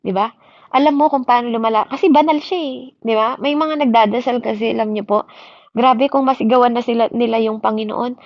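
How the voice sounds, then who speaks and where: Female preacher, a little high, code-switching sermon full of "di ba?" checks; dry, muffled audio. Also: fairly even intonation, brisk, no room sound. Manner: mixes English into Tagalog, keeps asking "di ba?". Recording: dry, slightly dull recording.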